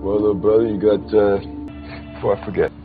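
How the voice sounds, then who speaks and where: A man's voice: fairly low pitch, level tone, normal speed, lightly acted. An actor playing a man in a crime film drama. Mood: casual. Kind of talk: film acting. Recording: dull narrow film audio, music behind.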